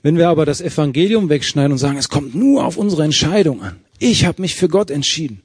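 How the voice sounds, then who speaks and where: Ein Mann, der lebhaft predigt, einen Bibeltext Vers für Vers auslegt und der Gemeinde Fragen stellt. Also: male voice, fairly high pitch, fast talker, slightly rough, no echo, studio quality. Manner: lively preaching, verse by verse, with questions to the congregation. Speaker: preacher. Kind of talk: sermon.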